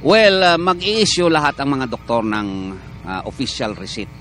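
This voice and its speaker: A man with a Filipino accent, a doctor guest on a morning TV show, explaining in a measured way with many "ah" fillers. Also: medium pitch, very animated, a bit bright, faint music behind. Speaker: doctor of a medical association, guest. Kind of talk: morning TV interview.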